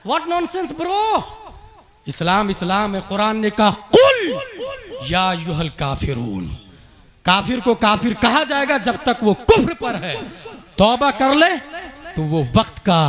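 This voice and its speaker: A male Islamic preacher giving a fiery sermon at a conference, building rhythmic repeated lines to shouted peaks, then dropping into quick conversational asides. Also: sits high, expressive.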